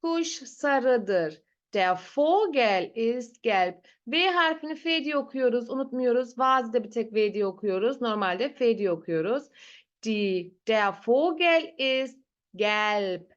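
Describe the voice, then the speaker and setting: A woman with a fairly high voice gives an unhurried lesson, saying each word slowly and then repeating it. Her manner is patient, the style of someone drilling pronunciation with learners. The audio sounds slightly dull and muffled. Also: animated. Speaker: German teacher. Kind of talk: slow teaching with repetition. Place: online class.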